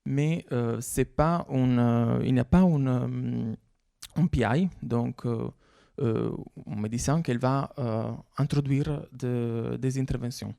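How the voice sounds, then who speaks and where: A man's voice: medium pitch, takes it slowly, vocal fry, warm tone, no room sound, clean studio sound. A man with an Italian accent giving a conference talk as a researcher, hesitant with many fillers. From Italy. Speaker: researcher presenting. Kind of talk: conference presentation.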